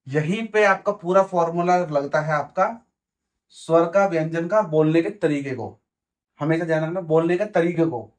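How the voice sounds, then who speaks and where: Standing at a board, a man with a Hindi accent explains English grammar in a slightly high voice at a moderate pace. He repeats words and checks that his students are following along.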